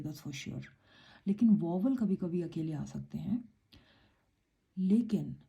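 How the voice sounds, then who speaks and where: A woman's voice: on the low side, warm tone, slightly rough. A woman teaching a Korean lesson in a patient, explaining way, switching between Hindi and English. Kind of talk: casual online lesson.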